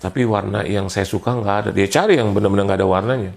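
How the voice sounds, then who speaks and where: A male pastor delivers a storytelling sermon. His voice sits low and carries heavy fry. He jokes along the way and acts out the voices of the people in the story. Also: quick pace. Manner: animated, acts out quoted voices, jokey.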